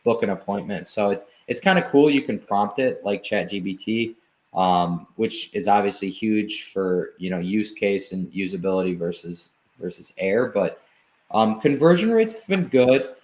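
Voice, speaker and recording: A man who founded an agency, a podcast guest explaining his work in relaxed casual chat, with many fillers. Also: on the low side, moderate pace.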